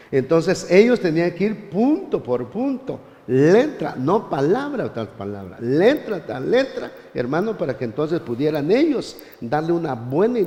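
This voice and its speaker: A man teaching a church Bible class, animated, often turning to his listeners as brother. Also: fairly high pitch, in a large hall.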